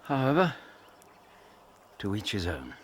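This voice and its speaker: A gentle, wry doctor for a radio play. His voice sits very low, and he makes dry, understated remarks. A faint hiss of noise lies under him. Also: wildly swooping pitch, measured pace. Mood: melancholy.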